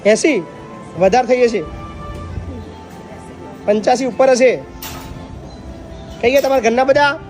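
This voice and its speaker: A man with a very high voice interviews elderly women casually. He is reassuring and keeps repeating their answers back to them, with faint music behind. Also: a little slow, pauses often, a little mellow. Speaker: old-age home organizer and vlogger.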